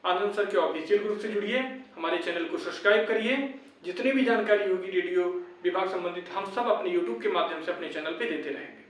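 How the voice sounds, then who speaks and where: A young man with a high, slightly fast and somewhat bright voice talks to his YouTube viewers about exam updates, calling them brothers. He insists and repeats himself while advising and rallying them informally. The room is very echoey and the microphone sits far away.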